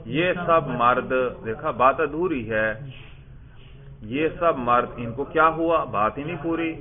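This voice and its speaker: A man teaching Arabic grammar to a student, asking questions and slowly repeating the correct answers. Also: mid-range voice. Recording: tinny phone-like lo-fi audio.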